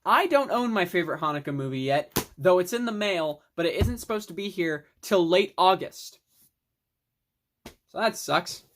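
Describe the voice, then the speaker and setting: A young adult film collector talks through favorite movies in a loose, unscripted way. The delivery is enthusiastic and rambling, with mild swearing. The pitch sits at an ordinary middle level. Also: lively intonation, normal speed, slight background noise. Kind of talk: casual film review monologue.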